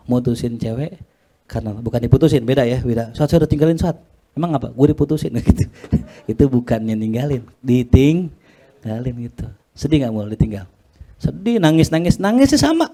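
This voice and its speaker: Brief: male ustadz, mellow low-key voice, reads Arabic then explains it casually, with jokes. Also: creaky. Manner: explains Arabic text line by line in relaxed Jakarta slang, joking asides. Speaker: ustadz teaching a classical Sufi text. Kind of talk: casual religious study lecture.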